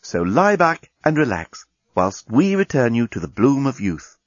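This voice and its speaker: A man voicing a calm, formal machine voice that reassures a patient. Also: medium pitch, a little slow, no room sound, highs cut off. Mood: soothing. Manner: smooth, soothing, formal.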